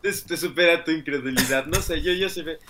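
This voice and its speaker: Over some background noise, a podcast co-host with a Mexican accent chats casually about films. His voice is on the high side, and he's chatty, hedging with lots of fillers and quick to laugh.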